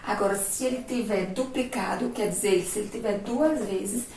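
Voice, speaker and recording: A woman with a Brazilian Portuguese accent teaching a remote primary-school lesson, explaining slowly and patiently and asking the class rhetorical questions. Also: medium pitch, darkish tone, roomy sound, far from the mic, a little hiss or hum, low-quality recording.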